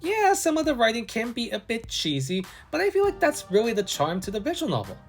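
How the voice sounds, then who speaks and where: Over background music, a man presents a scripted game review to viewers. His very high voice is enthusiastic and highly animated, rising and falling freely at a fairly quick clip.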